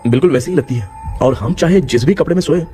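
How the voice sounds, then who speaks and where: A young man acting in a comic sketch as a worried son, anxious and excitable. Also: a little high, fast talker, soft background music.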